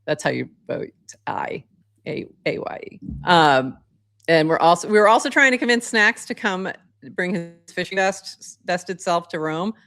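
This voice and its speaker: A woman's voice: on the low side, expressive, a little slow, fairly bright tone. A woman co-hosting a casual podcast chat, chatty with frequent fillers and laughs. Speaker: co-host.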